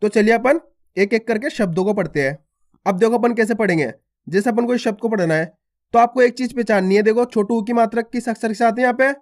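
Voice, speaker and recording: A man teaching a beginner reading lesson in a video, repeating each point and asking the viewer questions, drawing out single syllables. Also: sits high. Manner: repetitive, asks the viewer questions, drawn-out syllables. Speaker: Hindi teacher.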